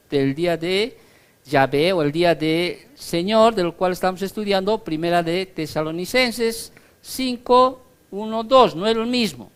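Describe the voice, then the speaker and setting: A man's voice: high voice, a bit bright, clear, resonant tone. A male pastor teaching a Bible study in a conversational way, often checking that his listeners follow, and reading scripture aloud with emphasis.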